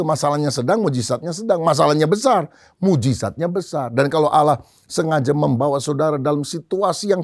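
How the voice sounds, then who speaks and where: A man's voice: fairly high pitch, creaky, no room sound. Male pastor, sermon delivery, storytelling and conversational, dry close mic. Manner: storytelling, conversational, rhythmic repetition.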